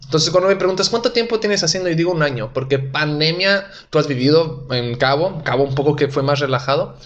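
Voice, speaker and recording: A man's voice: a little high, expressive, brisk, a bit bright, muffled recording. An Italian-born man in his young adult years, a comedian telling jokes and rambling stories in a casual interview. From Italy. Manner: joking, self-deprecating, rambling. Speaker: comedian guest.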